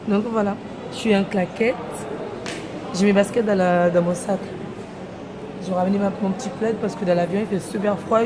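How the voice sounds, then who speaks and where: A young woman with a lowish voice vlogs casually to her phone camera, rambling about her day in an airport terminal and aboard a plane. There's noise in the background throughout.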